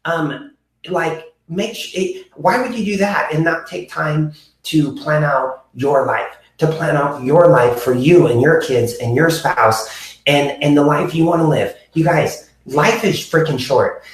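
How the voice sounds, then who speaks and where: A man in his forties hosts a motivational podcast from a very echoey room, speaking earnestly to viewers with many fillers and restarts. His voice is a little high and his pace measured.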